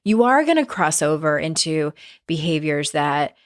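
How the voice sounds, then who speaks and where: A middle-aged woman hosting a casual solo podcast, candid and conversational, with some vocal fry in her voice. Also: low-pitched, sing-song, moderate pace. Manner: candid, conversational, with mild swearing. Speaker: podcast host and self-help author.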